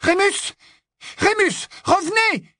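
A man voicing a distressed teenage girl witch in an audiobook, pleading in a high, strained voice. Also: takes it slowly, bright, forceful tone, no echo, clean studio sound, heavily acted. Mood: distraught. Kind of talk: audiobook character voice.

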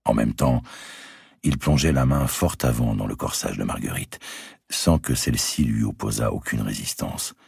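A male audiobook narrator reading with expressive storytelling. His voice is extremely deep with a gravelly, husky grain, moving lively through its pitch, recorded close and dry. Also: normal speed, dry recording. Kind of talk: scripted narration of a historical novel.

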